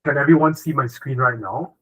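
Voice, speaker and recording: A man's voice: medium pitch, a little fast, fairly bright tone, husky, rough recording. A man from Singapore, a corporate lawyer giving a webinar talk over a video call, fluent and tagging points with "right?". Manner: fluent, frequent "uh" and "right?" tags. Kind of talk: online webinar presentation.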